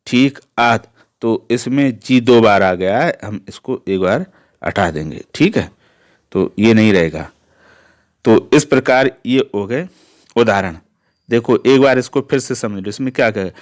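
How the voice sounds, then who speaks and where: A man teaching a Hindi grammar lesson, explaining step by step and asking himself rhetorical questions. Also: mid-range voice.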